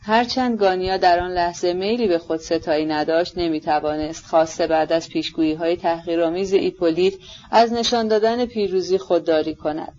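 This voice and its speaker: A narrator reads a long novel aloud at a steady, measured pace. The voice sits at a middle pitch, and the recording sounds dull and lo-fi. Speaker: audiobook narrator.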